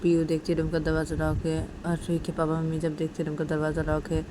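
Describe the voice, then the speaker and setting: A woman's voice: sits low, completely flat delivery, fast talker, noisy background. A woman narrating a story in a plain, repetitive retelling style.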